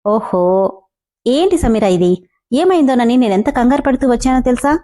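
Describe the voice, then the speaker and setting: A woman's voice: a little high, expressive, normal speed, warm tone, close to an everyday voice. A woman reading a storybook voicing an earnest, kind young man who is newly selected for the police service.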